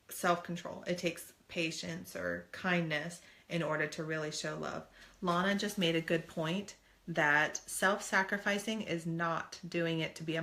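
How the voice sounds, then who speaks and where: A woman's voice: low voice, bright, forceful tone. A woman co-hosting a family talk show, chatting earnestly and putting on playful voices for quotes. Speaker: co-host. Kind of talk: casual chat.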